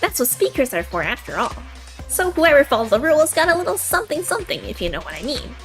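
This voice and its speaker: A woman acts out a gleeful announcer of a deadly game in a visual novel. The voice is high and very animated, full of theatrical hype and mocking, taunting cheer. Music plays underneath. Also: fast. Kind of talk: fan visual novel read-aloud.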